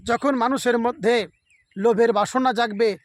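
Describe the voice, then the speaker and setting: Very high-voiced man preaching outdoors. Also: steady tone, unhurried. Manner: repetitive rhetorical, earnestly pleading with listeners. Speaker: religious preacher. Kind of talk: devotional sermon to a camera audience. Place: outdoors beside a rice field.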